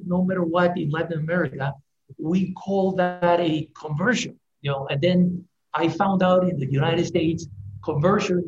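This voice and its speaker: Man on a muffled line. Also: sits high. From Peru. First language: Spanish. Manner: earnest, stumbling over words. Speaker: guest, news agency director. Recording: dull, roomy remote line with faint hiss.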